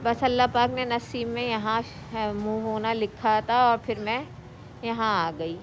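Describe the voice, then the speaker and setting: Chatty high-voiced woman vlogger. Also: steady tone, a little slow, a little hiss or hum. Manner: chatty, rambling, repeats herself. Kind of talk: casual personal vlog storytelling.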